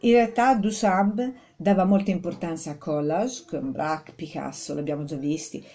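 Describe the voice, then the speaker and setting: Woman art teacher, mellow low-toned voice, loose spoken lesson, lots of fillers, pitch jumps on key words. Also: normal speed. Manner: informal, many fillers and restarts; lively, stresses key words with rising pitch.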